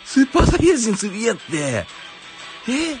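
An excitable man with a broad Kansai accent chatters through his game pulls, his voice leaping wildly from low mutters to high yelps. He exclaims and muses aloud in a loose, casual way. Game music plays clearly underneath. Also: normal speed. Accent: Kansai Japanese. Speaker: gaming YouTuber.

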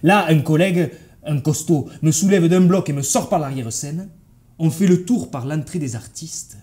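A man's voice: on the high side, moderate pace, slightly rough. A man with a southern French accent performing a theatrical storytelling monologue. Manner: vivid, animated storytelling. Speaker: actor.

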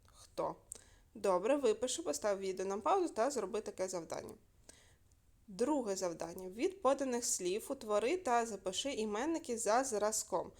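Teacher, woman, recorded remote lesson for young pupils, clear and patient, quizzes and answers herself. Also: medium pitch, expressive, normal speed, darkish tone. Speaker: primary school teacher.

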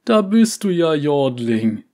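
A man's voice: medium pitch, expressive, a little slow, dark tone. A man doing a chirpy old yordle uncle. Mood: coaxing. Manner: relentlessly cheerful, coaxing. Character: cheerful elderly male yordle uncle, pushy.

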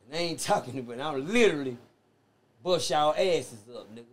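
A man telling prison stories in a casual podcast chat, animated and profane, acting out the voices of other people. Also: a little high, fairly quick. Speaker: podcast guest.

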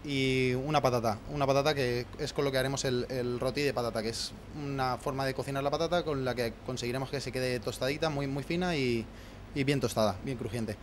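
Chef in his 30s, rapid halting explanation, handheld mic in a kitchen, faint background hum. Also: medium pitch. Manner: fast, many restarts and fillers while listing ingredients. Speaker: head chef. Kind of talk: explaining a recipe on camera. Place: restaurant kitchen, indoors. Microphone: handheld mic held by interviewer.

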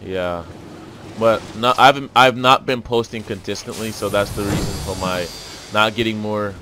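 A man's voice: on the low side, steady tone, normal speed, bright, forceful tone, soft background music. A man chatting casually as a gaming YouTuber, loose and rambling, with urgent repeated callouts. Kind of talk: casual gameplay chat.

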